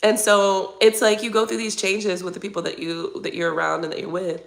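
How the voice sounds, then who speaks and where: Chatting loosely with her live-stream audience and reading their comments, a fortysomething tarot reader curses now and then in a candid way. She speaks briskly in a level, mid-range voice with gravelly fry at the low end, and keeps clearing her throat because she's feeling unwell.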